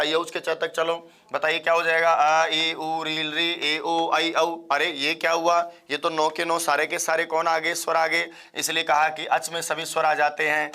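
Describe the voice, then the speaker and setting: A man teaching a live online class, quizzing listeners and repeating questions and answers in a fast, chatty way. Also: on the high side, sharp tone. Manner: fast-paced, chatty, addresses viewers as friends. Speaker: Sanskrit exam teacher.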